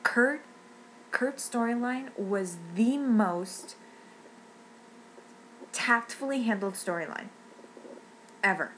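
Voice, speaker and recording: A woman's voice: on the high side, slow, pauses often, slight background noise, poor audio. A woman ranting in an upset, rambling way, near tears and often restarting her sentences. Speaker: fan vlogger. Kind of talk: emotional rant.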